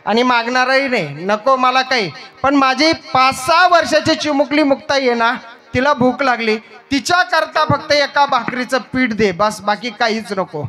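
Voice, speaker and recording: A man's voice: extremely high pitch, moderate pace, sharp tone. A man voicing a young elder brother who earnestly comforts his little sister. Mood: praying.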